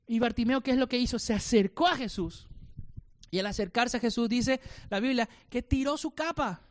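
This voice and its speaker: A man's voice: very high voice, moderate pace. A male pastor, preaching a sermon with rhetorical questions and acted-out voices.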